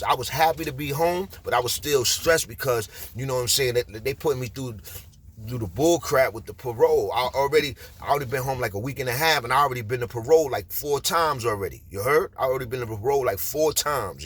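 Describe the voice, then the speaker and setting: A man's voice: medium pitch, quick pace, a bit bright, slightly rough. A man with a Bronx accent telling a street story casually, rambling with slang and frequent fillers. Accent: New York Bronx.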